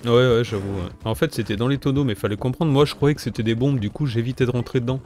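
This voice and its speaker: A man's voice: medium pitch, fast talker, darkish tone, faint music behind. A man co-hosting a gaming video, chatting casually and jokily with a friend as he plays. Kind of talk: casual gameplay commentary with a friend.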